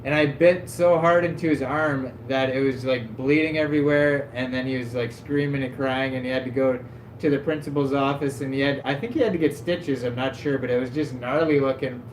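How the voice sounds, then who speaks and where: Streaming from his home desk, this host chats casually and tells stories, rambling loosely, dropping plenty of "like" and laughing at himself. His mid-range voice stays fairly even and runs a little fast. Echo and a faint hum fill the recording.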